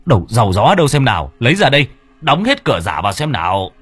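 A man's voice: mid-range voice, sing-song, fast, a bit bright, breathy edge, dry recording. A man doing a bossy old village man. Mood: urgent. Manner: urgent, commanding.

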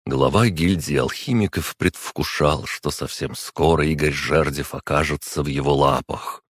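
A male audiobook narrator with an extremely deep, husky voice reads in a steady, measured way. The sound is dry and close, with no room around it. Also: no echo. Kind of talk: scripted narration.

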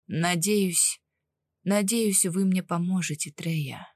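A hurting middle-aged man, as a woman reader puts him on, wheezing through clenched teeth and halting over his words. His voice sits low and quiet, weak and wary, in a dry, close storybook reading. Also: steady tone, dry recording. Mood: strained, wary. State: strained and wheezing with pain.

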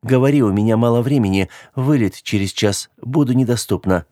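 A man's voice: mid-range voice, a little fast, warm tone, dry recording, lightly acted. A man reading the part of a proud, hurt young woman with a cutting, scornful way of speaking, in a dry, close recording. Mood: brisk.

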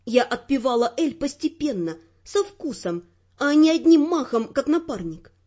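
A woman narrating a first-person audiobook in a smooth, steady storytelling voice. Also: sits high, moderate pace, muffled recording.

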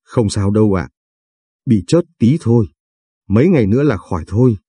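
A man's voice: on the low side, expressive, moderate pace, warm tone, slightly rough, no echo, studio quality. A man voicing a tearful young woman who blames herself and pleads, in an audiobook reading. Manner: pleading, self-blaming.

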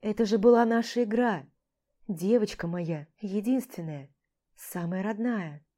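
A woman voicing a young man who gently coaxes and soothes his partner in a warm, mellow voice. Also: medium pitch, lively intonation, moderate pace, natural voice. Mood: tender coaxing. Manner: tender, coaxing.

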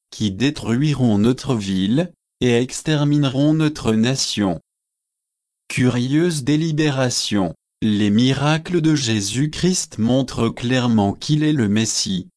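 A man narrates an old religious history in an unhurried, deliberate cadence. His voice sits at an ordinary middle pitch, and he gives each clause its own space. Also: darkish tone. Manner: slow, measured, solemn reading. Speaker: audiobook reader. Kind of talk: scripted narration of a religious book.

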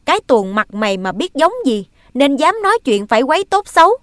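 A woman voicing a shrill, furious stepmother. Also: very animated, brisk, no room sound, clean studio sound. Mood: scolding. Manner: scolding, shrill and loud. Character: sharp-tongued young stepmother, quick to anger.

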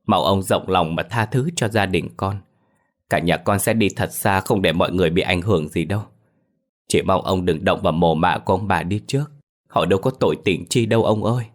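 A man's voice: low-pitched, brisk. A man voicing a middle-aged mother who begs tearfully for her family in an audio ghost story. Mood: begging. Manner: begging, weeping.

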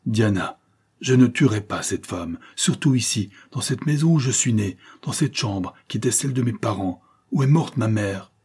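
A man's voice: on the low side, normal speed, few pauses, warm tone, husky. A man voicing a troubled male accomplice who pleads and then turns defiant.

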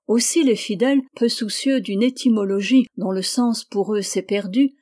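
Female audiobook narrator, mellow and warm in tone, measured literary reading. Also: mid-range voice. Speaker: audiobook reader. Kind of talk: scripted narration.

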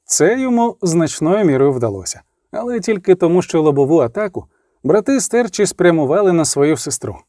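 A man narrating an audiobook in an expressive, vivid storytelling manner. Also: on the high side, fairly quick, no echo, clean studio sound.

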